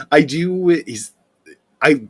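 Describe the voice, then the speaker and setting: Male podcast co-host, low husky voice, lively intonation, jokey and quick to laugh. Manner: joking, laughs often. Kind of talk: casual comic-book chat.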